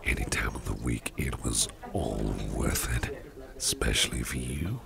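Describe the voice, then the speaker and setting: A man performs an ASMR roleplay as a gentleman monster boss, using a very deep, gravelly rumble and breathy half-whispers in intimate, soft speech to the listener. Expressive and exaggerated, he sounds flattering and playful, unhurried and chummy, repeating phrases and chuckling. Restaurant chatter and crowd murmur fill the background.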